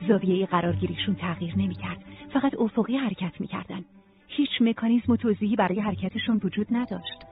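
An audiobook narrator reading a novel in an even, steady storytelling manner. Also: mid-range voice, soft background music. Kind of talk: scripted narration. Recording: tinny phone-like sound.

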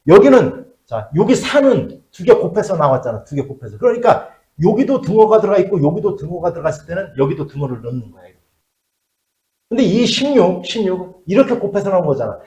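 A man's voice: high-pitched, fairly quick, echoey room. A middle-aged man teaching a math class, checking in with questions and muttering as he works at the board. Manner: lively, asks checking questions, drops to mutters while writing. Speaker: math tutor.

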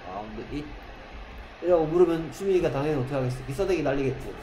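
A man teaching an English grammar lesson in a classroom, quizzing students with constant questions and reading English examples slowly, word by word. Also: fairly high pitch, mellow. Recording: echoey classroom with faint noise.

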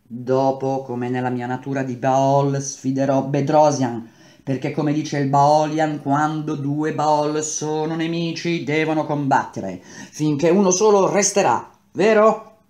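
A man's voice: a little high, steady tone, a little slow, darkish tone, lightly acted. A man voicing a scheming male traitor villain in a read-aloud novel, taunting and drawn out. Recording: roomy echo.

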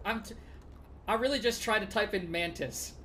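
A woman's voice: mid-range voice, normal speed, very noisy. A woman role-playing in a game, trading playful accusations and breaking into laughs. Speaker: streamer.

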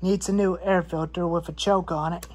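A woman's voice: fairly low pitch, steady tone, moderate pace, a little mellow, a little hiss or hum. Young woman rambling through a garage tour. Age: 20s. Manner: rambling, repeats phrases, lists parts. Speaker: chainsaw hobbyist vlogger. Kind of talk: rambling show-and-tell in a workshop. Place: cluttered garage workshop.

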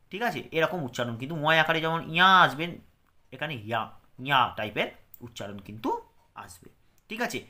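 Bright-voiced man drilling syllables. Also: medium pitch. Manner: patient, drilling syllables with frequent check-ins. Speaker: teacher. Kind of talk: pronunciation lesson.

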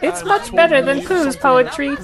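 A male actor playing a small, eager young piglet in a children's audio drama, with a squeaky voice. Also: normal speed, crowd noise. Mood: excited.

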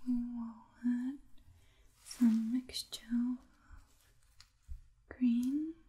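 Woman acting a slow whispering Vietnamese-accented princess, whispered role-play. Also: fairly high pitch, steady tone. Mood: gentle, attentive. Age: young adult. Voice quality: soft, breathy whisper. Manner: slow, soothing, attentive, halting short phrases. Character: gentle young Vietnamese princess doing a makeover.

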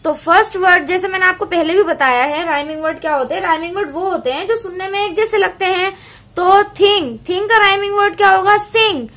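A woman teaches a young children's English class online with a very high, bright voice. She explains each task patiently, step by step, and keeps asking the class questions. She checks in with the class often as she goes. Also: brisk. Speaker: primary school English teacher.

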